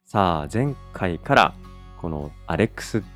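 A man's voice: deep voice, lively intonation, unhurried, fairly bright tone, soft background music. A man co-hosting a casual podcast, listening eagerly, often backchanneling and asking questions. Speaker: podcast co-host. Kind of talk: casual chat.

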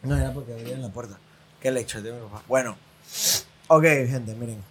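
A man's voice: medium pitch, fairly even intonation, fairly quick, a little hiss or hum. A man, chatting casually as a podcast co-host. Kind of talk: casual chat.

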